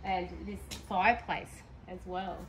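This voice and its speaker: A woman's voice: lowish voice, steady tone, unhurried, fairly bright tone, far from the mic. A middle-aged woman with an Australian accent guiding a walking tour through a house, speaking enthusiastically. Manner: enthusiastic, gushing. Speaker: prize home tour guide. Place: large furnished house indoors. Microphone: handheld camera following her. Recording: roomy echo, off-mic at times, noisy.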